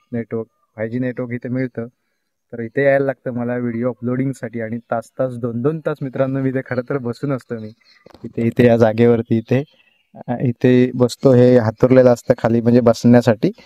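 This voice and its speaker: A young man talks casually into his phone camera while standing outdoors on a village hill. He points out the view to his viewers and calls out to animals and children along the way. His pitch sits in the ordinary middle range for a man. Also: dark tone, no room sound, muffled recording. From Konkan, India. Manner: chatty, explains the view, calls out to animals and kids. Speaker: village vlogger. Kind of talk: casual vlog talk to viewers. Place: outdoors on a village hilltop at evening. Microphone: phone camera held while filming.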